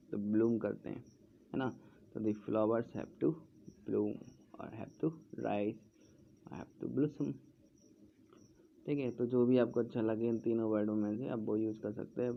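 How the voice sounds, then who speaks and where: Male tutor, gravelly and monotone, slow drilling delivery, muffled home recording with faint background. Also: fairly low pitch, slight background noise. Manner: slow, repeating words while writing on a board. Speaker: English teacher. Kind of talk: explaining English grammar in Hindi. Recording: dull lo-fi sound, faint background.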